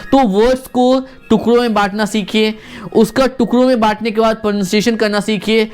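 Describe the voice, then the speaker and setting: A pronunciation teacher giving an online video lesson, repeating sounds many times in a slow, deliberate demonstration and coaching the viewer with questions. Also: mid-range voice, fairly even intonation, a little mellow, smooth.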